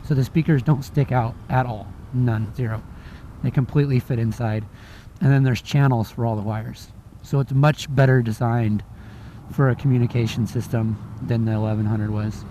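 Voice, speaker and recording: A man's voice: medium pitch, steady tone, moderate pace, mellow, poor audio. A man chatting casually as he gives a spoken gear review from inside a motorcycle helmet while riding. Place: outdoors on a moving motorcycle. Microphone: mic inside a helmet. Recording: helmet mic with clear traffic and vehicle noise. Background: vehicle and road noise.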